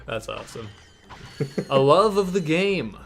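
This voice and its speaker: A man's voice: a little high, sing-song, measured pace, vocal fry, slight background noise. A man co-hosting casual gaming commentary with playful, jokey reactions. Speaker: co-host.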